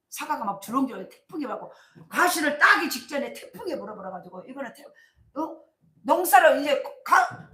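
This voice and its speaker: Animated woman pastor. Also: sits high. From South Korea. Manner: animated storytelling, colloquial, rising to emphatic bursts. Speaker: senior pastor. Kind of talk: sermon. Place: church sanctuary. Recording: echoey church sanctuary.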